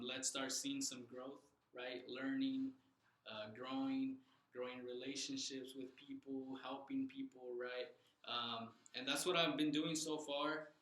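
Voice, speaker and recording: A man's voice: medium pitch, fairly bright tone, echoey room, low-quality recording. A young man from Southern California being interviewed as a loan officer, earnest and thoughtful, with frequent fillers and restarts. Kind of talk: casual interview.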